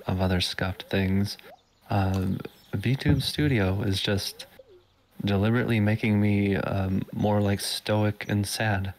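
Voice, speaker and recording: A man chatting casually on a gaming stream, mellow and hesitant with many fillers. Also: fairly low pitch, fairly even intonation, takes it slowly.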